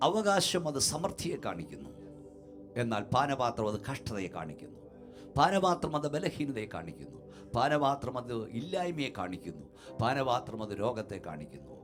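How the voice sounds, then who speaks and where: A male pastor preaching a Pentecostal sermon in a church hall, building with repeated rhythmic phrases to shouts and sinking to hushed storytelling. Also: mid-range voice. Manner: shouts to a climax, then drops to a hushed storytelling voice.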